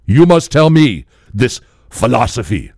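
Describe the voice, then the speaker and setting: A man voicing a towering, drunk, intense African man with a clumsy put-on African accent, talking loud and commanding. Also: medium pitch, sing-song, unhurried, dry recording, clean studio sound. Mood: insistent.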